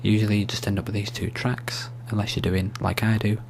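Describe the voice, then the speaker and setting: A soft-spoken man giving an ASMR-style screen tutorial, explaining steps in a hushed, unhurried, informal way. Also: lowish voice, level tone, creaky. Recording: faint hum and background noise.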